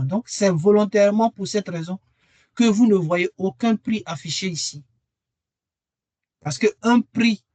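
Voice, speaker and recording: A man's voice: sits high, darkish tone, no echo. A man presenting a webinar and earnestly persuading listeners to join his training course, repeating key phrases for emphasis. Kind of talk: webinar sales pitch.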